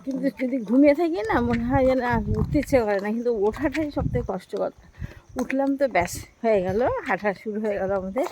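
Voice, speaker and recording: Talking fast in a fairly high voice, this middle-aged vlogger chats casually straight to her audience, often repeating herself. Walking has left her winded, and the audio is echoey with heavy noise behind her.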